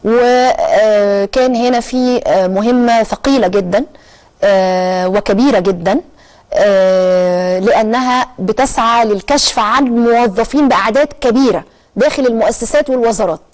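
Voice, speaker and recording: Fast-talking Egyptian woman TV host. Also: a little high, darkish tone. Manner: explanatory, with frequent drawn-out "ah" hesitations. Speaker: TV talk show host. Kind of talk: televised current-affairs presenting.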